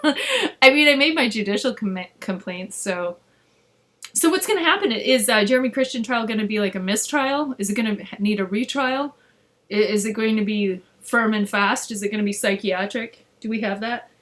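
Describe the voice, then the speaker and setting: A woman's voice: fairly high pitch, expressive, normal speed, a bit bright. A woman in casual chat, talking loosely with lots of "like" and frequent laughter. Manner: chatty, laughs often, lots of "like".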